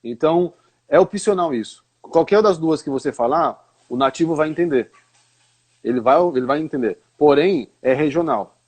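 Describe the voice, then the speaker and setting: A man's voice: fairly high pitch, animated, moderate pace, darkish tone, breathy edge. Man explaining patiently in a live chat. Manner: patient, explanatory, repeats words to demonstrate. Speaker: English teacher. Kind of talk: live online interview, explaining.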